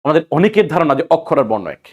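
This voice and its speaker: A man's voice: a little high, sing-song, quick pace, a little mellow. A man from Bangladesh, teaching an exam-prep grammar lesson and quizzing listeners before answering his own questions.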